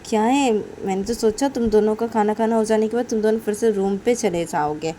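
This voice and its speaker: A woman's voice: medium pitch, fairly quick, dark tone, a little hiss or hum, voice pushed up, lightly acted. A woman voicing a teasing older brother who speaks in a mock-surprised tone.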